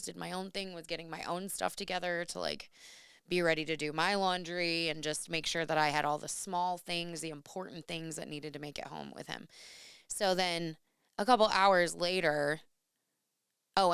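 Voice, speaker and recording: A woman in her thirties, co-host of a podcast, chatting casually and a little raspy and hoarse from being sick. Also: fairly low pitch, no room sound, studio quality. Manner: animated storytelling. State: slightly hoarse after illness. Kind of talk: casual chat.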